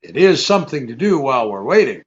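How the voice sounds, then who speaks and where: Sam Spade, lively, sardonic detective. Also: male voice, mid-range voice, fast talker, slightly rough. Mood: dry, sardonic. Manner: brusque, sardonic. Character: cynical, wisecracking hard-boiled private detective. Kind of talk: radio drama acting. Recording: dull, muffled radio recording.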